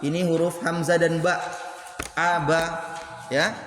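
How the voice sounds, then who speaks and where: A man's voice: on the high side, level tone, slow, a bit bright, slight background noise. A man teaching a classroom lesson in a mosque, explaining patiently, repeating terms and asking the class questions. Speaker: Quran recitation teacher. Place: large mosque hall. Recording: echoey mosque hall, faint ambience.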